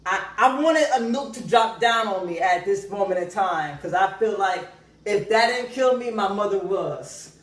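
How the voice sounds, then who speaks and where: A man's voice: high-pitched, moderate pace. A young man telling a comic story, acting out the voices of the people in it. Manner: animated, acts out characters' voices. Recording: echoey room, from a distance.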